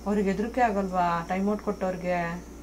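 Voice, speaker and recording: Mother gently quizzing her child. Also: fairly low pitch, fairly even intonation, a little fast, a little hiss or hum. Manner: patient, coaxing questions. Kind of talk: casual home chat with her child.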